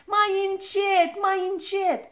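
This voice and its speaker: A woman's voice: on the high side, animated. A woman voicing a fussy, vain little girl in a children's storybook reading, whiny and pouting.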